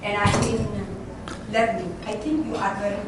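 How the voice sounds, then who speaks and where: A woman in her sixties from Ethiopia asks a long, earnest question from the floor, her phrasing halting and repetitive. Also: medium pitch, level tone. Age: 60s. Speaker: audience member asking a question. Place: restaurant dining room. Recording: roomy, distant, noisy restaurant.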